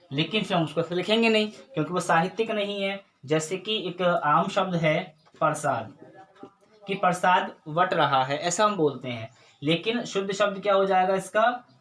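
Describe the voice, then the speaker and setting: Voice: medium pitch, a bit bright, slight background noise. A teacher giving a recorded grammar lesson, patiently explaining step by step, asking and answering their own questions and often checking in with the class.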